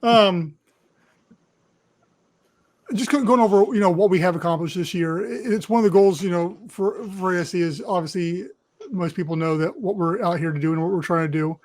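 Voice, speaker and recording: A man's voice: sits high, normal speed, a little mellow. A man co-hosting a podcast in casual chat, rambling with many fillers and restarts. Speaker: podcast co-host leading the show.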